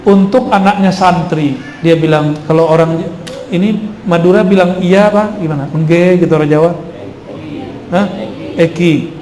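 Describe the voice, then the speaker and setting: A man's voice: a little high, darkish tone. A man giving an Islamic study talk to a live audience, conversational and quizzing his listeners. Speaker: preacher. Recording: echoey hall with faint noise.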